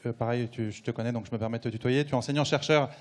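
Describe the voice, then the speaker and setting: A man's voice: mid-range voice, fairly even intonation, racing, darkish tone. A tired man moderating a conference, hesitant and stumbling over his words.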